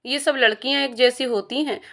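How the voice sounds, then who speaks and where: Woman reading as a mocking college dude, plain storyteller voice, kinda high. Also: steady tone, normal speed, fairly bright tone. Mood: teasing. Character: teasing young college guy, mocking girls.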